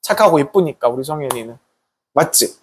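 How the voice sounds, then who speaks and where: Animated pastor preaching to teens. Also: mid-range voice, a little fast, breathy edge. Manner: animated, asks the kids questions often, tag questions. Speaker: pastor preaching to a youth group. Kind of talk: lively youth sermon storytelling.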